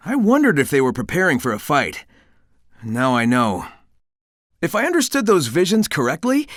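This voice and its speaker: A man's voice: high voice, dry recording, studio quality. A man voicing a cocky but caring young cartoon hedgehog hero in a video game, youthful, breezy, casual and confident. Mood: thoughtful, curious. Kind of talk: video game character dialogue.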